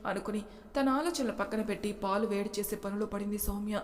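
A woman storyteller reading a romance story aloud in a steady, even way. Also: medium pitch, quick pace. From Telugu-speaking India. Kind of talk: storybook narration. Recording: reverberant room.

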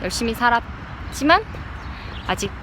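A person recording a casual, unscripted vlog diary outdoors, chatting reflectively to viewers and pausing mid-thought. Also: medium pitch, very animated. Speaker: vlogger. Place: outdoors by a riverside path. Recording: outdoor noise, traffic and city ambience.

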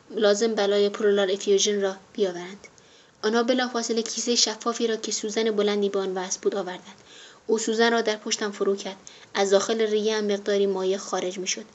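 Woman narrating a first-person audiobook. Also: medium pitch. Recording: dull lo-fi audio with faint hiss.

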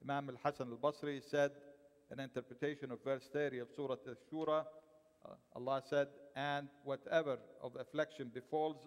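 A man's voice: mid-range voice, little pitch movement, a little fast, smooth. A middle-aged man reading a translated Friday sermon aloud from paper in a large mosque prayer hall, stumbling and correcting himself as he goes. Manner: reads aloud from paper, with restarts and self-corrections. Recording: long hall reverb in a mosque.

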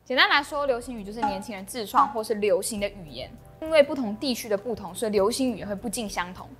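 A young woman with a Taiwanese accent, host of an explainer channel, presents a scripted explainer to camera in a small indoor room, talking fast in an expressive mid-range voice. She's on a clip-on lapel mic, with background music playing.

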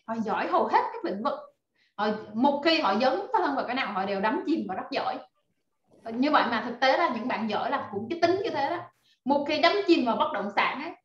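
A woman leads a live online class, energetic and full of fillers as she rallies her students. Her voice sits fairly high, and the call audio is roomy and dull. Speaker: online course instructor.

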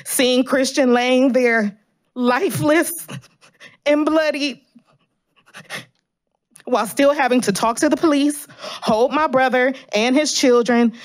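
A woman in her thirties reading a prepared statement at a city council meeting, speaking earnestly and emotionally, at a podium microphone in a large chamber. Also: sits high. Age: 30s. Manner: earnest, pleading, emotionally charged. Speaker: public commenter at city council. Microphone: podium gooseneck microphone.

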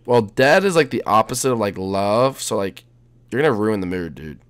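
A man's voice: fairly low pitch, sing-song, normal speed, clear, resonant tone. A young man hosting a gaming video, chatting casually and slangily through improvised role-play.

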